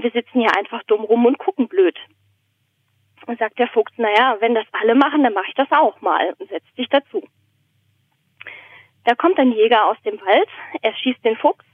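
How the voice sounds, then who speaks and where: Calling in to a podcast by phone, a woman born in Berlin and raised in southern Germany talks casually, telling anecdotes and a joke in a thoughtful, hesitant way. Her fairly high voice has a breathy edge. The recording is dry, with a thin, narrow telephone sound.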